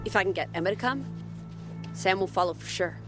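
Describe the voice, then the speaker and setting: An actress playing a brisk, practical young woman survivor in a zombie video game, talking in a wry, matter-of-fact way. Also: mid-range voice, over music, natural voice. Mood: planning.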